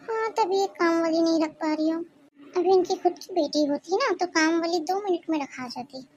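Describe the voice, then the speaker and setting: A proud young daughter-in-law in an animated story, high and sharp-tongued. She answers with sulky little taunts. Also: moderate pace, dull audio, slight background noise. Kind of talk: cartoon story voice acting.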